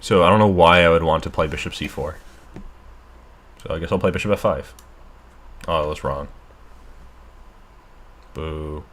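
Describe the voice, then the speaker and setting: A man's voice: a bass voice, moderate pace, pauses often, fairly bright tone. A man thinking aloud through a chess game as a streamer, muttering asides while losing his voice. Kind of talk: casual live game commentary.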